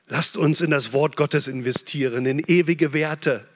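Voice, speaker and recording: An impassioned male preacher delivering a sermon, rising to loud, urgent peaks and dropping to hushed, low phrases. His voice sits a little high for a man. Long reverb trails every line in a large church hall. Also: unhurried.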